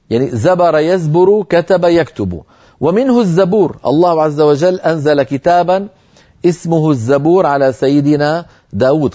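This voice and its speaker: A man teaching Quran reading in a broadcast lesson, explaining slowly and chanting the quoted verses. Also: a little high, dark tone, muffled recording. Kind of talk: televised religious lesson.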